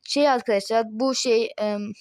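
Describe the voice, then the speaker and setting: A woman's voice: fairly high pitch, fairly even intonation, normal speed, background noise. A young woman from Turkey casually narrating a game mod showcase, rambling with constant fillers and addressing her viewers again and again. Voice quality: voice tone altered, may sound odd. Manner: rambling, says "arkadaşlar" constantly, many fillers. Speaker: gaming channel host.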